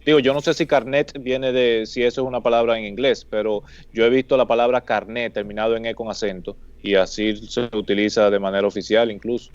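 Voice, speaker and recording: A man's voice: medium pitch, fairly even intonation, a little fast, hardly any pauses, clean tone, dry recording, muffled recording. A man on a casual podcast, playfully teasing the others and steering the conversation. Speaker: podcast participant.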